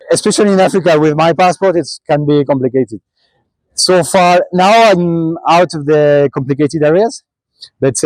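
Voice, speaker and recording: A young man, a cyclist answering questions in a relaxed interview, pausing and restarting often. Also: medium pitch, dry recording, rough recording. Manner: halting, many restarts and fillers. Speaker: traveling cyclist.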